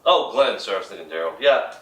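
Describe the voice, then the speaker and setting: A young man co-hosting a casual chat, animated and joking as he acts out little scenes. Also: lowish voice, fast. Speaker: co-host. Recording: echoey room, from far off.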